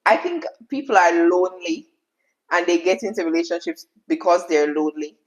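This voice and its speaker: A woman's voice: fairly low pitch, expressive, normal speed, rough recording. A woman with a Jamaican accent chatting casually, emphatic and repetitive, slipping into patois as she co-hosts. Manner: emphatic, repeats phrases, slips into patois. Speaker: co-host answering viewer questions. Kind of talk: casual chat.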